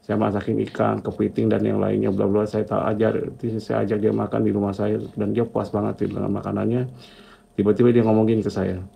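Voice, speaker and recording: A middle-aged man shares his personal story as a motivational testimony. His voice is dark, mellow and full of gravelly fry. He speaks in short, reflective, repeated phrases. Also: fairly low pitch, flat delivery, brisk. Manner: reflective, talks in short repeated phrases with a filler at each line end. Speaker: entrepreneur telling his own story.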